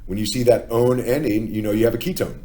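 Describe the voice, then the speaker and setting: A man's voice: mid-range voice, steady tone, fast, dark tone. A man with a Philadelphia accent, teaching a chemistry lesson step by step and often checking in with "okay?". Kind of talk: classroom lecture.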